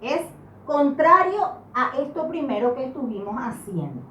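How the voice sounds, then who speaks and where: Slow, high-voiced woman teaching a lesson. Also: sing-song, a bit bright, far from the mic. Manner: slow, deliberate, stresses example words. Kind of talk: spoken grammar lesson. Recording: roomy sound from off-mic with faint background noise.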